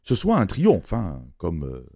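A man's voice: low voice, huge pitch swings, slow pace, vocal fry, dark tone, no room sound, studio quality. A man giving a humorous radio chronicle, teasing and joking, laughing between his lines. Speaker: radio columnist.

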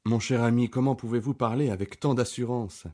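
A man's voice: mid-range voice, steady tone, fairly quick, warm tone, pitched above the performer's own voice, natural voice. Courteous, loyal doctor sidekick, slightly raised voice; a male narrator voices him, audiobook.

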